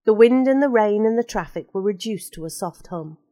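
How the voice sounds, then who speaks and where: A woman reads a storybook aloud with expressive, lively delivery. Her voice sits in an ordinary middle pitch, and the sound is dry and close with no room echo. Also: brisk. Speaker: narrator. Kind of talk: storybook reading.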